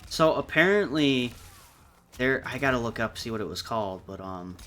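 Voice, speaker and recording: A man hosting a stream talks loosely about games, offering strong opinions and the occasional curse while music plays beneath him. He sounds animated and slightly bright, with a mid-range voice at a moderate pace.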